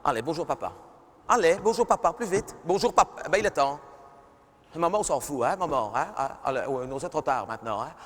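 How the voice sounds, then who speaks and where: In a live stand-up sketch, a man plays a nagging middle-aged mother who scolds her daughter, fussing and repeating herself. His voice is a little high and fairly bright, with lively intonation and a slightly fast pace. The arena recording is reverberant.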